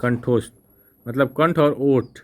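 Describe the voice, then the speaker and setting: A male teacher giving an exam-prep lesson, explaining slowly and repeating himself, often checking "right?" with the class and correcting his own slips with an apology. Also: mid-range voice, darkish tone. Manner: slow, repetitive explaining with frequent "ठीक ना?" checks.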